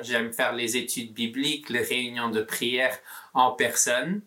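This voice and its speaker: A male pastor delivers a sermon message with a mixed Belgian and southern French accent. He speaks slowly and carefully, and his tone is bright and forward. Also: mid-range voice.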